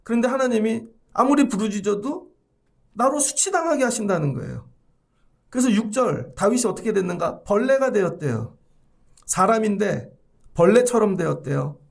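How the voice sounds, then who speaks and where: A male pastor in full sermon with a high, gravelly voice that swings wildly up and down. He preaches dramatically and slips into voices for the people he quotes, moving from loud exclamations to low murmurs. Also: animated, normal speed. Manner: dramatic, acts out quoted voices with big swings in pitch and loudness.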